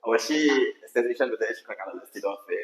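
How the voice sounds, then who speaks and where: An engineer from Kesrouan, Lebanon, appears as a podcast guest in a casual interview, speaking Lebanese Arabic in a fairly low, animated voice. He talks rapidly, giving fast, detailed, eager explanations, and the studio has a roomy echo.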